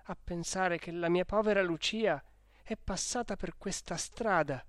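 A man's voice: high voice, a little slow, no echo, studio quality. A man doing an artless peasant mother. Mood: plaintive. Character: simple, emotional middle-aged peasant mother.

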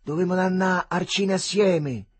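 A man voicing a cheeky young Roman lad from the slums, with an excited, cocky Roman accent. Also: high voice, normal speed, slightly rough, voice pushed up. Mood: eager.

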